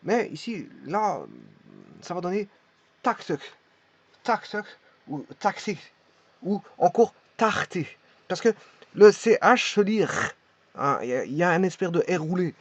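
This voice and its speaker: A man's voice: high-pitched, animated, unhurried, pauses often, no room sound. A man giving a spoken language lesson, hesitant and repeating each word as he demonstrates its pronunciation. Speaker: language teacher. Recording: dull lo-fi recording.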